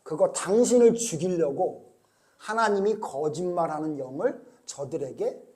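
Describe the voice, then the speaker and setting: A stern prophet delivers a grave warning to a king, as a male preacher puts him on. He speaks slowly and solemnly in a fairly high voice. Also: dark tone, close to an everyday voice.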